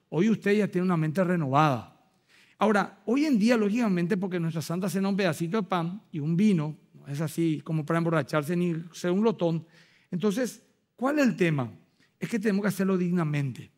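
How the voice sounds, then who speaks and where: Male pastor, Paraguayan accent, pitched high, lively sermon delivery with acted-out asides. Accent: Paraguayan Spanish. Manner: animated, acts out dialogue, rhetorical asides.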